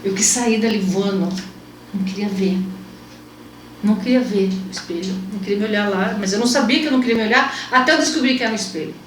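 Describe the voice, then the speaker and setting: Woman host telling a story all worked up, repeats herself, faint hum behind. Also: fast talker. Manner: animated, repeats herself, pitch jumps when moved. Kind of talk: emotional personal storytelling in an interview. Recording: echoey room, mic at a distance, faint background hum.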